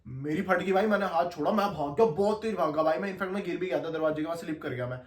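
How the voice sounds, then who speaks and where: A young man telling a story in casual, slangy chat, animated and laughing as he goes. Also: on the high side, fast, far from the mic. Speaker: podcast guest storyteller. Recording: echoey room, faint ambience.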